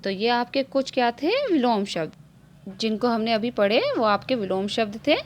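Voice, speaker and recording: A woman teacher leads an online class in an even, measured way. She reads word pairs slowly and clearly, one by one, and poses questions to the class that she answers herself. Her voice sits a little high. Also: a little hiss or hum. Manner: slow, clear word-by-word reading of lists.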